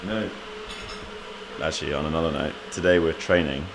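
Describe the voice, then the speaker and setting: A man's voice: rumbling low, moderate pace, background noise. A man hosting a casual vlog in a chatty, joking manner. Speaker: vlog host.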